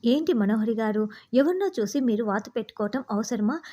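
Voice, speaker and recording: A woman's voice: fairly high pitch, expressive, a little fast, warm tone. A woman reading the part of a mocking man. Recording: muffled lo-fi recording.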